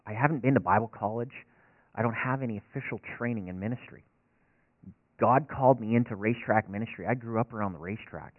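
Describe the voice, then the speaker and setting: A racetrack chaplain from northern Alberta delivers a sermon as an earnest, folksy, self-deprecating story. His voice is on the low side and fast, with no room sound, and the recording is dry and tinny like a phone.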